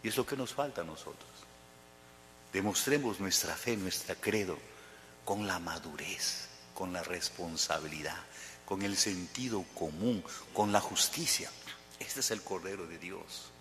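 Sacerdote con eco de catedral. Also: male voice, low voice, a bit bright, soft background music. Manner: solemn, measured preaching. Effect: cathedral echo. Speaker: priest. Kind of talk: homily and prayers at mass. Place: large church. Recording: long church reverb, faint hum.

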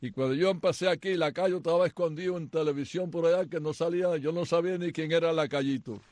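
A man's voice: a little high, quick pace, a little mellow, no echo. An older man co-hosting a sports radio show, telling rambling anecdotes in casual banter from the studio. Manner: chatty storyteller, rambling anecdotes.

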